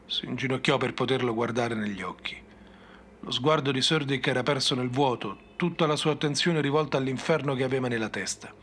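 A man narrating a fantasy story in a measured, dramatic reading. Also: medium pitch, creaky, a bit bright, a little hiss or hum. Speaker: audiobook narrator.

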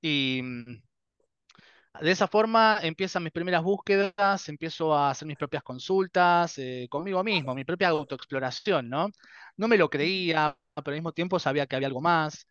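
A man's voice: fairly high pitch, normal speed, a bit bright, smooth, dry recording, dull audio. A man in his thirties with a Rioplatense Spanish accent, telling his story as a guest in a casual interview, acting out dialogues and laughing often. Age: 30s.

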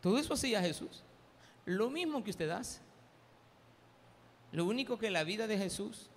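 A man's voice: high voice, fairly bright tone. A man with a Salvadoran accent preaching a sermon as pastor, talking with the congregation and asking them questions. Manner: conversational, asks the congregation questions. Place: church. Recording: long hall reverb.

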